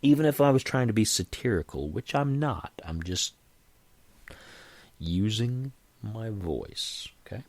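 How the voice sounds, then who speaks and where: Chatty low-voiced man rambling to listeners. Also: lively intonation, unhurried, gravelly, a little mellow. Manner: chatty, digressive, often restarts and self-corrects; earnest, reassuring asides to listeners. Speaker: podcast host. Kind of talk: casual rambling monologue.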